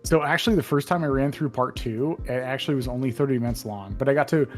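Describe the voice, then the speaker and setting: Young male co-host, rambling casual talker, middle pitch, light music underneath. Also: fast. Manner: rambling, retells scenes with put-on voices and laughs. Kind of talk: casual chat.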